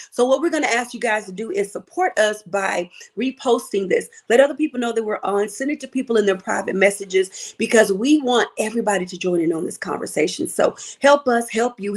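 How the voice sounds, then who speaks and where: A middle-aged woman hosting a live podcast as a life coach, upbeat and playful with slang. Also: medium pitch.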